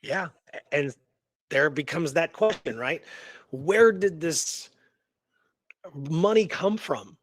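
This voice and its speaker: Slow and pausing often, a man with a slightly high voice co-hosts a history radio show in relaxed conversation about a historical mystery. He wonders aloud, using rhetorical questions and tags inviting agreement, over a little hiss or hum.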